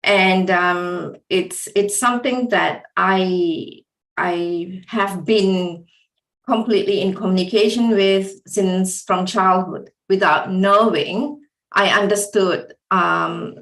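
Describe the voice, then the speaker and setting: Woman from singapore answering interview questions, bit low voice, lots of ums, echoey room. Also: a bit bright. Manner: hesitant, many ums. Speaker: guest.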